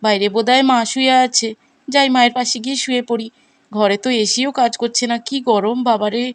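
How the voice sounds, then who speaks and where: A woman narrating a doll story and voicing every character in turn, in a lively way. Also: on the high side, fairly quick, no echo. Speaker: narrator voicing all dolls. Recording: background music under the voice.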